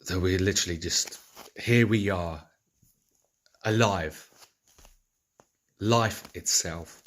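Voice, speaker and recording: A man's voice: sits low, slow, a bit bright. A man speaking in an earnest, rambling reflective monologue, with many fillers and restarts. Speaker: vlogger.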